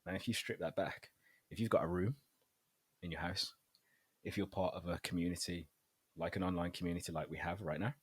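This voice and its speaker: Low husky man chatting on a podcast. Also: steady tone, a little fast, long pauses, no room sound. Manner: laughs often, loose storytelling. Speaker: podcast co-host and fitness trainer. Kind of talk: casual chat.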